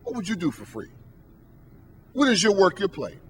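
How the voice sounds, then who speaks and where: A man's voice: high voice, huge pitch swings, moderate pace, a little hiss or hum. A man giving a motivational speech from a podium, emphatic and preacher-like, driving his points home with rhetorical questions. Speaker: motivational speaker and professor. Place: stage at a podium.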